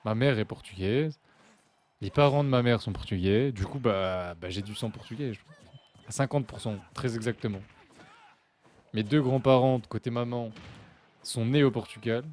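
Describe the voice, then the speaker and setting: A young man from France casually commentating a live fighting-game match, chatty and joking with his chat, with sudden bursts of excitement. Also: medium pitch, normal speed, long pauses, a little hiss or hum. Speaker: esports commentator and stream host.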